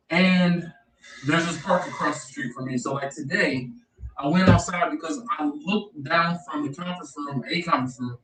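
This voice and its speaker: A man from Philadelphia hosting a casual live stream, telling a rambling story with lots of fillers, his voice muffled and echoing as if in a tunnel. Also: fairly high pitch. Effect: muffled echoing tunnel-like audio. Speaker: livestream host. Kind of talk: casual chat. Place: outdoors near a pellet smoker. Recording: echoey distant stream audio with crowd noise.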